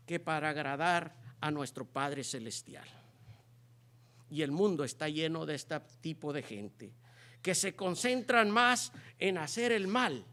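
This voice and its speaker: Guy preaching in church, high voice, earnest, stops and restarts, gets loud reading scripture. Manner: earnest, halting delivery with restarts. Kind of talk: sermon.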